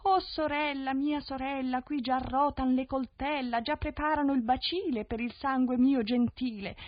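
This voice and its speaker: A woman's voice: high-pitched, animated, moderate pace, dry recording, pitched above the performer's own voice. A woman voicing a frightened little enchanted calf. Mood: pleading. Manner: singsong rhyming lament. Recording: dull dry 1970s radio studio recording.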